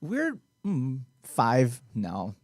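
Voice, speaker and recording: A man hosting a podcast, telling stories in casual chat, animated and laughing often. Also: medium pitch, extremely slow, no room sound, studio quality. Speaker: podcast host.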